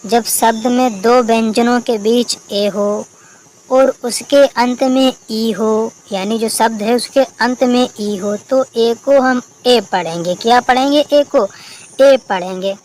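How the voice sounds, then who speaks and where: A woman's voice: a little high, a little hiss or hum, low-quality recording. A woman teaching a recorded lesson, spelling out letters one by one and answering her own questions. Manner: spells out letters and asks herself questions, then answers them. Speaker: English teacher.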